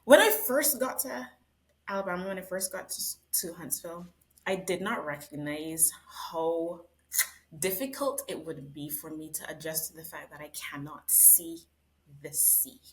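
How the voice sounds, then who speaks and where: A woman from Barbados, a guest in an interview, speaking in a thoughtful, measured way with pauses as she reflects. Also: lowish voice. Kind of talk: reflective conversation.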